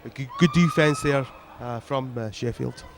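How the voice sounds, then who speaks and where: A man's voice: mid-range voice, normal speed, background noise. A man giving live American football commentary as a co-commentator. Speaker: sports co-commentator.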